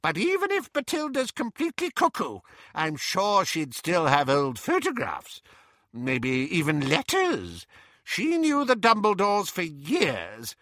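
A man doing a shrill gossipy old witch aunt. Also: wildly swooping pitch, a little slow, a bit bright, dry recording, clean studio sound, heavily acted. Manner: cheerful, tart and testy.

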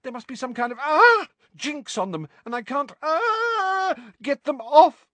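A man's voice: big pitch swings, measured pace, bright, forceful tone, no echo, exaggerated voice. A man voicing a panicky male wizard whose jinxed shoes are biting his feet, yelping and strained. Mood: pained. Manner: yelping, strained, breaking into high cries.

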